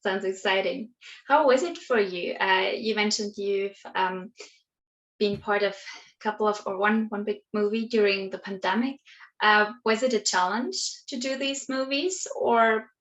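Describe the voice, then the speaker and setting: A woman's voice: medium pitch, unhurried, a bit bright, dull audio. A woman hosting an interview show, upbeat and encouraging, with some hesitant restarts. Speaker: interview host.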